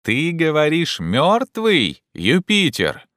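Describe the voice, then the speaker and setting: A man voicing an excitable, feverish gentleman who shouts with loud urgency. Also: on the high side, slow, no echo, studio quality, pitched above the performer's own voice, full character voice. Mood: agitated shouting.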